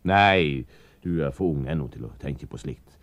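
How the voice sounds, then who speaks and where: A man's voice: rumbling low, animated, vocal fry, no room sound, full character voice. A man voicing an eccentric, suspicious male detective in a storybook reading, with a hammy, exclaiming delivery. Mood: grumpy.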